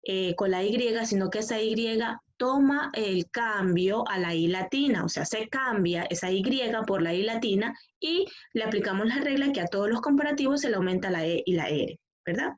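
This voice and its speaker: A woman's voice: mid-range voice, lively intonation, normal speed, few pauses. Patient teacher woman on a lo-fi call. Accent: Ecuadorian Spanish. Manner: patient, repeats "¿ya?" and "¿verdad?" to check understanding. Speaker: English teacher. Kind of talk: online class explanation. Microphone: video call. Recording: dull lo-fi video call audio.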